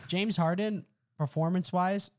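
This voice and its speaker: A man's voice: high voice, fairly even intonation, moderate pace. A young man co-hosting a casual sports podcast, laid-back, dropping "bro" and agreeing with "mm-hmm". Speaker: podcast co-host.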